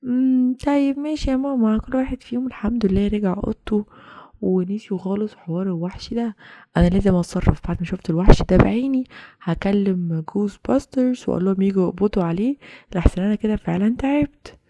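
A woman's voice: medium pitch, fast talker, dark tone. A young woman with an Egyptian accent narrating a toy story and voicing the mother, fretful and exclamatory. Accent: Egyptian Arabic.

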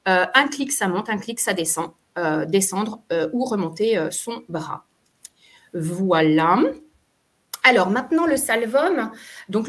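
A woman presenting in an online webinar, explaining step by step with frequent fillers and restarts. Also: fairly high pitch. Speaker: occupational therapist presenter. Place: webinar call.

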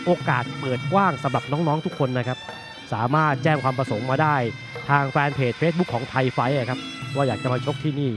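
Male ringside commentator and announcer, high voice, live boxing broadcast, loud music underneath.

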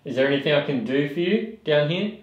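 A man's voice: on the high side, animated, a little fast, lo-fi sound. A man in his thirties questioning unseen spirits insistently and commenting to camera in a bare basement during a ghost investigation. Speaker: paranormal investigator. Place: bare basement indoors at night. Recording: echoey basement room.

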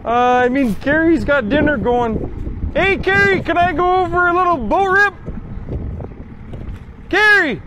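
A man's voice: very high voice, animated, a little slow, long pauses, noisy background. A man in cheerful, folksy chatter outdoors by the water.

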